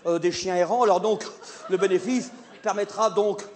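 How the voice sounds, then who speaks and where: A man playing a flustered, stammering male theatre director in a live comedy sketch, hesitating and then bursting into shouts. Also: high-pitched, fairly even intonation, moderate pace, lightly acted. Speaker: comic stage performer. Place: theatre stage with live audience. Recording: live stage recording, audience noise.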